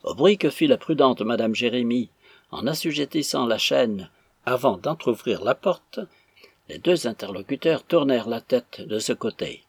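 A man narrating an audiobook in an expressive, animated way. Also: medium pitch, normal speed, husky, dry recording. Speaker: audiobook reader.

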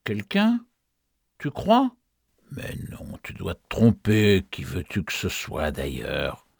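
A woman's voice: extremely low pitch, huge pitch swings, slow, gravelly, a little mellow, breathy edge, dry recording, studio quality, pitched below the performer's own voice, full character voice. A woman reading a story, putting on the voice of a meek, hesitant husband who tries to placate his wife. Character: meek timid husband, middle-aged man.

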